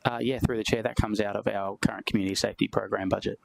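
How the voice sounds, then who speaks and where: An Australian man answering councillors' questions as a council officer, brisk and formal. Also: on the low side, flat delivery, gravelly, rough recording. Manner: brisk, formal, "through the chair".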